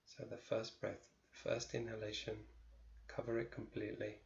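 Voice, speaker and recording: A meditation teacher guides a meditation in a fairly low, creaky, even voice with little melodic movement. He speaks in short, measured phrases with pauses between them. The recording sounds roomy and somewhat muffled.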